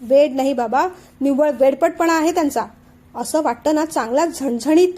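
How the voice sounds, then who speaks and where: A woman's voice: high voice, normal speed, dark tone, close to an everyday voice. A woman doing a tearful sulking young wife. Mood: tearful complaint. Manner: complaining through tears.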